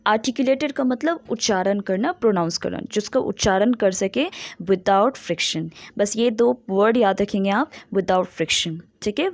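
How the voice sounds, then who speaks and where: A woman teaching English grammar in a classroom-style lesson, mixing Hindi and English and repeating key terms slowly with rhetorical questions. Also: a little high, no echo, studio quality.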